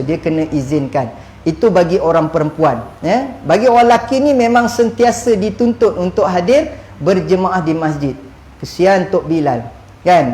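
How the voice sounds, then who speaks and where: High-voiced preacher, echoey hall. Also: male voice, warm tone, a little hiss or hum. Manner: joking, storytelling, chanting the call to prayer. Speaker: religious teacher. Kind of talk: evening mosque lecture. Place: mosque hall.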